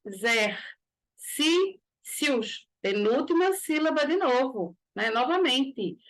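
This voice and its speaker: Brazilian woman, bright higher register, grammar teacher walking students through exam questions, keeps asking whether they follow. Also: animated, moderate pace. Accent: Brazilian Portuguese. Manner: explains step by step with frequent tag questions. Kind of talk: exam-prep grammar lesson.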